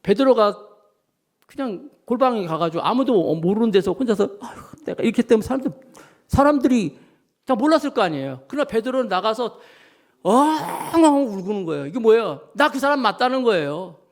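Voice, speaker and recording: A man's voice: high voice, normal speed. A male pastor preaching a sermon, telling the story vividly and speaking straight to his congregation. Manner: animated storytelling, acts out voices and sounds; addresses congregation directly.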